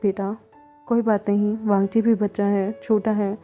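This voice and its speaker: A woman's voice: medium pitch, flat delivery, normal speed, mellow, soft background music, close to an everyday voice. A woman voicing a stern but kind uncle who speaks firmly and reprovingly, in a storybook reading. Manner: firm, reproving.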